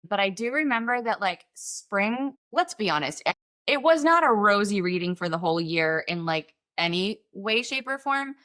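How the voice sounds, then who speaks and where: A woman's voice: mid-range voice, lively intonation, moderate pace, bright, forceful tone. A woman hosting a casual podcast conversation, telling stories with lots of acted-out quotes. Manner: chatty storyteller, acts out quoted voices. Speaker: podcast host.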